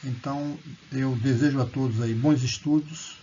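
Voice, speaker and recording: A man's voice: medium pitch, fairly even intonation, normal speed, dark tone, lo-fi sound, a little hiss or hum. A man teaching basic English, reading short English phrases aloud and then translating and explaining them. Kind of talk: slow classroom explanation.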